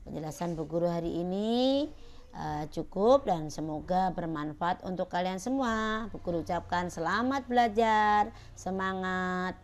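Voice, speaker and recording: A woman's voice: on the low side, measured pace. A woman teacher explaining a lesson to children, with many "ya" and "nah" checks. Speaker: primary school teacher. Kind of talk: recorded class lesson.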